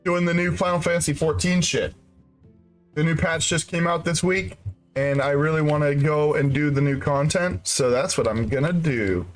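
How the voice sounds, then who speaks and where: On his game stream, a congested man with a fairly high-pitched voice chats casually at a normal speed, rambling, laughing and swearing freely. His nose and throat sound stuffed up, and faint music plays behind him.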